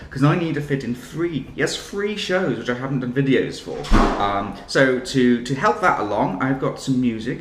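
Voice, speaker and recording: In an echoey room where music is playing, a man with a mid-range voice reviews theatre shows for a chatty video. His takes are enthusiastic and poke fun at himself.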